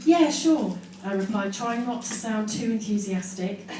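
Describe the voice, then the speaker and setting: With an animated, medium-pitched voice that runs a little slow, a storyteller performs a comic reading of her teenage diary at a live event with an audience. She acts out the drama and makes amused asides. A distant mic leaves the sound very echoey and noisy.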